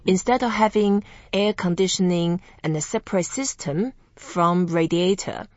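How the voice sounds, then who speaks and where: Host for a language podcast: young woman from Taiwan, lowish voice, slow careful drills, dull dry close-mic sound. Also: no room sound. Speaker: Chinese language teacher and host. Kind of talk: scripted language lesson podcast.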